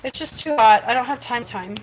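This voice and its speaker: A woman with a fairly high, brisk voice hosts a casual cooking livestream from her home kitchen, and the recording is rough with slight background noise. She's chatty and rambling, often poking fun at herself.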